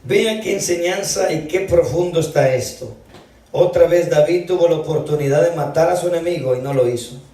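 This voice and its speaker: Male preacher, higher voice, reads scripture, says "brother" a lot, booming hall echo. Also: normal speed, dark tone. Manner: keeps calling listeners brother. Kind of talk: evening sermon reading scripture aloud. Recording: echoey hall, distant mic.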